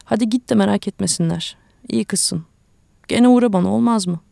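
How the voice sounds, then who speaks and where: A woman reader voicing a sick old grandfather who sells flowers, speaking in a weary, reflective, kindly way with a gravelly tone. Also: mid-range voice, brisk, warm tone, no echo.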